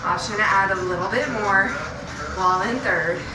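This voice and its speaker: A woman instructs a spin class in short, motivational cues, her voice at an ordinary female pitch. She sounds distant from the mic in a roomy space, with loud workout music playing over the class. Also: moderate pace. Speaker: indoor cycling instructor. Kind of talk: fitness class coaching with countdowns and cues.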